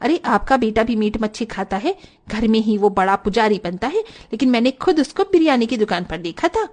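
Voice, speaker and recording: A woman voicing a cheeky young woman tenant in an animated story, talking back in a mocking way. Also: a little high, moderate pace. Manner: sassy, mocking.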